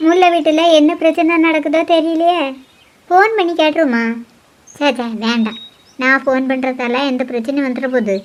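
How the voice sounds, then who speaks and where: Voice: extremely high pitch, little pitch movement, fairly quick. Someone voicing a jittery young village man. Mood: worried. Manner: pleading, defensive.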